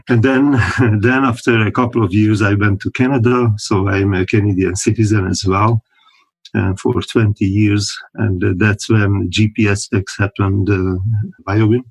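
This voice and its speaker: A man talks through his answers at an unhurried pace, pausing often to find the right word. His voice sits a little low and has a husky edge. He sounds like a guest speaking from home over a remote call. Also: fairly even intonation, low-quality recording. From Hungary. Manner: unhurried and thoughtful, many pauses, chuckles between thoughts. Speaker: guest, company founder. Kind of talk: casual interview talk.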